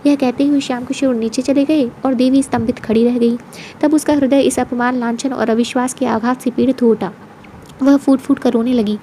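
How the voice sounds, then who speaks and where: A woman narrating a classic short story in a measured, expressive reading. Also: high voice, a little hiss or hum.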